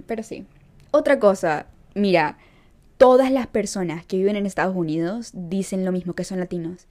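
Chatty young woman, mellow voice. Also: medium pitch. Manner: chatty, emphatic, laughs often. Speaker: vlogger. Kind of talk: casual chat to followers. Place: Los Angeles.

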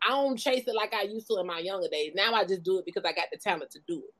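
A woman's voice: medium pitch, rapid-fire, a bit bright, low-quality recording. A woman in her forties hosting a casual interview, outspoken and joking, laughing often. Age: 40s. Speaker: host.

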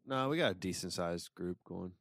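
A man's voice: low voice, animated, moderate pace, a bit bright, no echo. A young man in a casual, slangy chat with friends, dropping swear words. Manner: slangy, profane.

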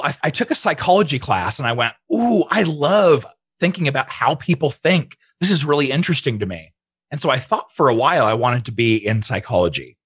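A man with a mid-range, slightly bright and somewhat rough voice, recorded with no echo. He's an interview guest who runs a digital marketing business, chatting casually, sharing personal stories and often quoting his own thoughts.

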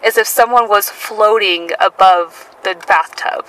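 A woman's voice: mid-range voice, a little slow, a bit bright, a little hiss or hum, rough recording. A woman hosting a podcast, telling a ghost story in a chatty, casual way with lots of filler words. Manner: chatty, many "like" fillers, reads from notes.

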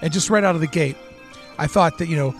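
A man's voice: fairly high pitch, fast, soft background music. A man hosting a show, speaking as a commentator and interviewer. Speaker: show host. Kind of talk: scripted commentary and casual interview chat.

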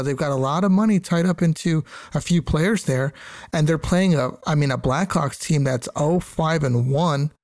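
A man co-hosting a sports podcast with a slightly high voice, talking quickly and loosely. The sound is dry and close. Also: darkish tone, dry recording. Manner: quick, loose, drops swear words. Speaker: podcast co-host. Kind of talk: casual sports chat.

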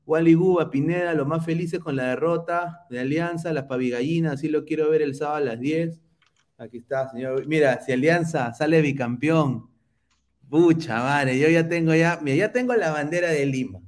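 A man hosts a football podcast, chatting casually and poking fun at rival fans. His voice sits a little high for a man. He reads out viewer comments with an easy, mocking edge. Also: normal speed, darkish tone. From Peru. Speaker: podcast host.

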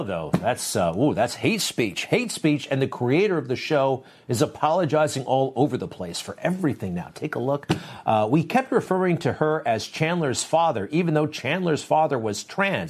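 A man presents a talk show in a conversational, opinionated monologue. His mid-pitched voice moves up and down a great deal as he drops wry asides and rhetorical questions. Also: breathy edge.

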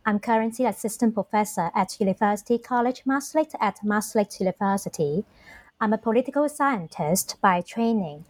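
A woman's voice: medium pitch, darkish tone, no room sound. Orderly woman academic, dry sound. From Hong Kong. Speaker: political scientist, assistant professor. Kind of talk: academic self-introduction.

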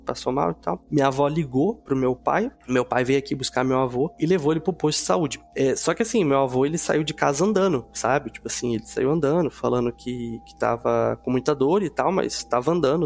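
A man's voice: medium pitch, gravelly, a little mellow. A man in his twenties, a podcast guest, telling a personal story in a casual, loose way with many fillers.

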